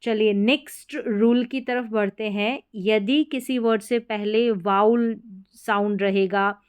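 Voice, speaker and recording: A woman's voice: mid-range voice, fairly even intonation, slow, clean tone. A woman teaching English spelling rules in a Hindi lesson, patiently repeating each word several times.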